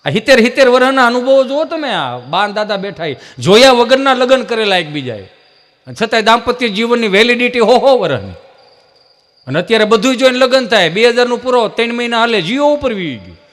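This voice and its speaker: A man telling family stories as a folk comedian in a live show, acting out scenes with lively storytelling. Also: very high voice, brisk, big-room sound.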